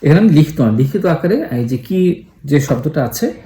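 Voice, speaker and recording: Mellow-voiced man explaining in an echoey room. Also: on the high side, very animated. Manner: thinks aloud with many "uh" pauses, mixes in English words, works through spoken examples. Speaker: Islamic explainer. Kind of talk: casual explanatory lesson.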